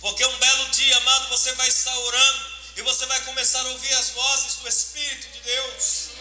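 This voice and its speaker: A male pastor preaching a fervent, emotional sermon, swinging between loud outbursts and soft, hushed passages. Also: very high-pitched, completely flat delivery, fairly quick, soft background music. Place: church sanctuary. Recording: roomy church echo, faint hiss.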